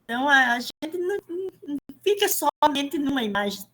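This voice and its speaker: Brazilian teacher, upbeat and higher-pitched, self-introduction on a call. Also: female voice, sing-song, brisk, fairly bright tone, rough recording. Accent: Brazilian Portuguese. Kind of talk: online class introduction.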